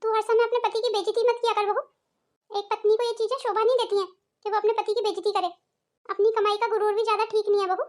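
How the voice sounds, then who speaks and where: Brief: a woman playing a patient cartoon mother-in-law who pleads softly, with a very high voice and a quick pace. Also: little pitch movement. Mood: pleading. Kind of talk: cartoon voice acting.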